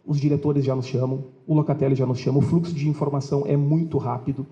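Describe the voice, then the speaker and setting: A police officer gives a measured, official address at a public event. His voice is deep-toned and mellow, and the recording sounds muffled and lo-fi. He pauses now and then between his formal phrases. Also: fairly even intonation.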